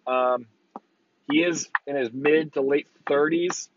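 A man's voice: fairly high pitch, steady tone, takes it slowly, muffled recording, noisy background. A man with a worn, burnt-out voice giving a casual, profane, blunt rant as a football talk host. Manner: opinionated, breaking into mocking quotes.

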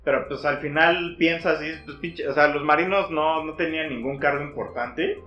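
Male host, Mexican accent, higher voice, rambling gossipy delivery, roomy sound. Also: normal speed. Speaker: podcast host. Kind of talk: casual storytelling chat with slang. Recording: muffled, echoey room with music.

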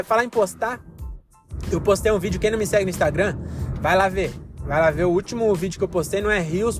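A man with a rather high voice, a stand-up comedian rambling casually after a gig. He talks in a loose, jokey, self-mocking way. Clear music plays behind him. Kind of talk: casual post-show chat.

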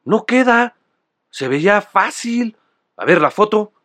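A man's voice: high-pitched, big pitch swings, slow, a bit bright. A man muttering frustrated to himself in a comedy sketch. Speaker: dad in a sketch.

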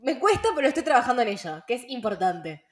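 A woman's voice: a little high, sing-song, fast talker. Chatty young woman with Rioplatense Spanish. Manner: chatty, full of fillers and slang, laughing asides. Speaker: podcast host. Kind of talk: casual chat.

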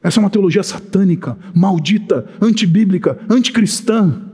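A man with a Brazilian Portuguese accent preaching a sermon, impassioned and rising to shouts on key points. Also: high voice, expressive, moderate pace, husky, big-room sound. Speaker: pastor.

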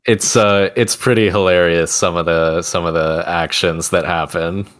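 Deep, smooth-voiced male podcast co-host. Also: fairly even intonation, normal speed, fairly bright tone. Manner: hesitant, restarts sentences often. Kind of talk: casual chat.

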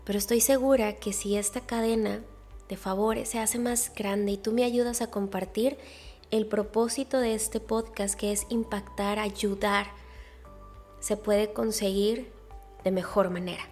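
A woman hosts a solo podcast in a nasal, stuffed-up voice of average pitch. She speaks informally and emphatically, straight to her listeners. Faint music plays behind her. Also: steady tone, measured pace, a little mellow. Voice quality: nasal, congested-sounding voice. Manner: chatty, informal, emphatic with rhetorical questions. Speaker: podcast host. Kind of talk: casual solo podcast monologue, addressing listeners directly.

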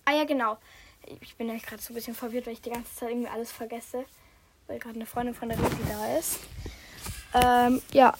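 Young female podcaster, high voice, rambling self-interrupting chat, phone mic with faint hiss. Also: little pitch movement, fairly quick, low-quality recording. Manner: chatty, scattered, self-interrupting, often drops to a whisper. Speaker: podcast host. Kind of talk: casual solo podcast chat. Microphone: phone, no microphone.

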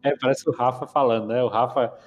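A man's voice: medium pitch, fast, big-room sound, highs cut off. A young man with a Brazilian Portuguese accent chatting casually, telling stories with slang and swearing. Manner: slangy, swearing, animated storytelling. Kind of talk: casual chat.

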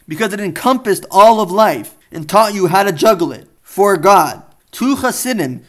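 A man giving a spoken Torah lesson, earnest and telling stories with quoted dialogue. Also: high voice. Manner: earnest, storytelling with acted quotes. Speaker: rabbi teacher.

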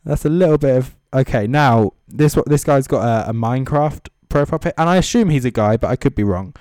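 A comedy host reads out social media comments, offering casual, off-the-cuff commentary full of sarcastic, mocking asides and plenty of swearing. His voice is medium-pitched and a little mellow, a bit fast, with no room sound.

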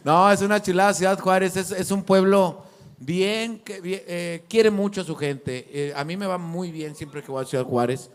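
A man with a Mexican Spanish accent hosting a casual bar chat, loud and joking with heavy slang. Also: sits high, moderate pace. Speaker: podcast host.

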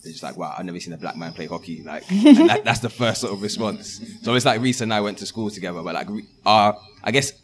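A young man hosting a podcast, asking questions in a relaxed, loose way with many fillers. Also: lowish voice, fast, few pauses. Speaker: podcast host. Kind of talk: casual podcast interview.

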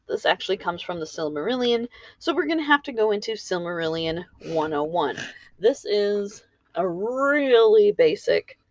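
A woman hosts a storytelling podcast from a room at home. Her voice sits slightly low and the sound is dry, with little room echo. She moves between narration and informal, rambling commentary. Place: room in a house.

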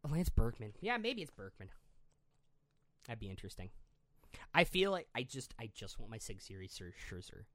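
A man chats casually as a podcast co-host, his pitch swinging lively up and down. He often stumbles and repeats words while he thinks. The sound is dry and close. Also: normal speed, long pauses, no room sound. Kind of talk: casual chat.

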